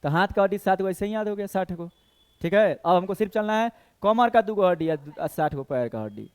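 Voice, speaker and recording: Briskly and with lively intonation, this competitive-exam coach counts bones out loud, posing questions to the class and answering them himself. He speaks Hindi with a Bhojpuri tinge in a high-pitched, clean voice.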